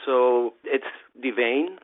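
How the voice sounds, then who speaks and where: A man from Venezuela with a Venezuelan Spanish accent, talking in a rambling, animated way in a casual interview, often restarting and laughing. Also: medium pitch, slow. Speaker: event organizer. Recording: tinny phone-like line.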